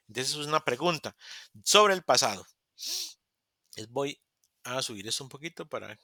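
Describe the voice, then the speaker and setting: Bright-voiced male English teacher, dry sound. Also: fairly high pitch, no echo. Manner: patient, repeats examples, acts out little dialogues. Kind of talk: online class explaining grammar. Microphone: computer mic in a video call.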